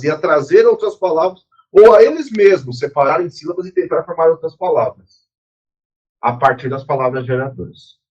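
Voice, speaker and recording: A man teaching a lesson, his voice sitting a little high. He explains off the cuff, restarting phrases and adding asides. The recording sounds muffled and lo-fi. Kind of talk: recorded lecture.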